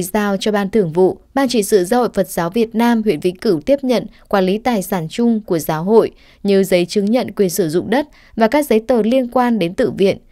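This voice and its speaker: A woman reading a news report voice-over in a steady, formal way. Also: medium pitch, dry recording, clean studio sound.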